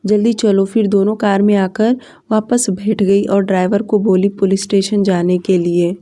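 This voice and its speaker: A woman narrating a romance audiobook story in a slow, even, subdued reading. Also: mid-range voice.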